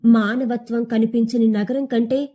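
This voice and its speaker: A woman's voice: fairly high pitch, fairly even intonation, a little slow, warm tone. A young woman reading a short story aloud in a somber, emotive manner. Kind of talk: scripted narration of a short story.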